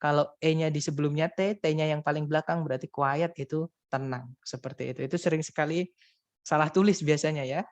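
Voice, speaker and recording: A man's voice: on the high side, fairly even intonation, fairly quick, no echo. A man teaching an English listening lesson in an online class, explaining step by step in a patient way with frequent fillers.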